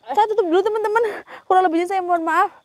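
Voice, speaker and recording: A woman's voice: very high-pitched, fast talker, no room sound. A woman hosting a ghost-hunting vlog outdoors, talking casually and calling her companion "Mas" and her viewers "teman-teman.". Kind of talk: casual on-location vlog talk. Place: outdoors among trees.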